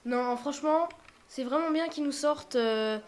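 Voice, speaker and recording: A young woman casually reacting out loud to a game showcase, thinking aloud with many fillers and now and then dropping to a whisper. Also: high voice, moderate pace. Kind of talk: casual live reaction commentary.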